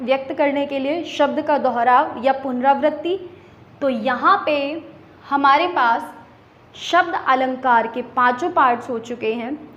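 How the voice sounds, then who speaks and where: A woman's voice: high-pitched, a bit bright, echoey room, dull audio. A woman teacher giving an exam-prep grammar lesson. She explains each point step by step, asks rhetorical questions and answers them herself, and keeps saying "okay" as she moves between points. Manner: repeats "okay" to pace points.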